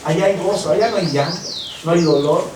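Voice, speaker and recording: A Peruvian pastor preaching with passion, his voice sitting fairly high for a man. He is recorded from a distance in a church hall, so his words ring with a strong echo. A faint hum of the room stays underneath him. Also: brisk. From Peru. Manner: impassioned preaching, acting out quoted voices. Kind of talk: sermon. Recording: echoey church from far off.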